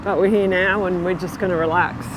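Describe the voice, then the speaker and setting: A woman's voice: fairly low pitch, steady tone, fairly quick, noisy background. A woman chatting on camera outdoors in a casual travel vlog, bubbly and often laughing. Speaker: vlogger. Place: outdoors at a lakeside town and campsite.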